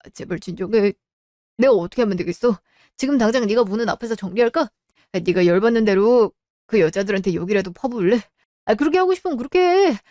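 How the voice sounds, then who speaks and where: A woman's voice: medium pitch, expressive, fast, dark tone, dry recording, clean studio sound, natural voice. A woman voicing a cheating husband who makes excuses and begs, in a radio drama. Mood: defensive. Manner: wheedling, excuses. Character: cheating husband, evasive and pleading.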